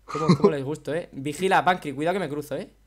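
A young man, excitably commentating a game with a friend, yelling and taunting other players. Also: on the high side, quick pace, crowd noise. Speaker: gaming YouTuber.

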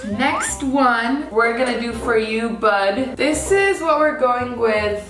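A woman's voice: fairly high pitch, takes it slowly, noisy background. A woman in her twenties with an American accent, giggly and exclamatory in slangy, casual banter. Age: 20s. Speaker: challenge video co-host. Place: home kitchen, indoors. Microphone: camera a few feet away. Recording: echoey room, faint music behind.

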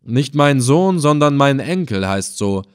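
A man's voice: medium pitch, big pitch swings, unhurried, clean tone, no room sound, studio quality. A man playing a wailing old helmsman. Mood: defensive. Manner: pleading and wailing. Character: old male boat helmsman, talkative and excitable. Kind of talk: audiobook character voice.

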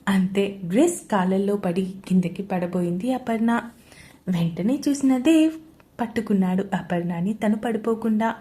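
Dark-voiced woman telling a romance story. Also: mid-range voice. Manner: steady storytelling narration. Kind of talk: narrating a romance audio story.

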